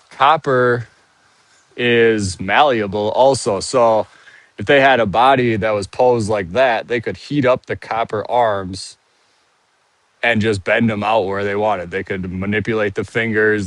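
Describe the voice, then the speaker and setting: A fairly low-voiced man talks, a little out of breath, as he walks outdoors on a phone live stream. He rambles through his ideas with restarts and stops to answer comments. The sound is dry and close. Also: a bit bright, dry recording. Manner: rambling, thinks aloud with restarts. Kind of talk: casual live stream, walking and reading comments. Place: outdoors, walking around a monument.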